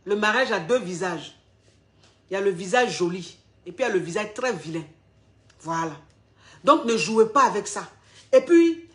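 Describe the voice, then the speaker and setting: A woman's voice: on the high side, a bit bright. Emphatic woman coach repeating her points. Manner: addresses listeners directly with pointed questions. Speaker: relationship coach. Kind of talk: marriage advice monologue.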